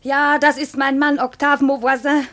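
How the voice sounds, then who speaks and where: An actress playing an anxious, fragile widow in a 1950s radio drama, speaking in a breathy voice that often drops to a whisper. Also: female voice, high-pitched, flat delivery, moderate pace, a bit bright. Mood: emotional.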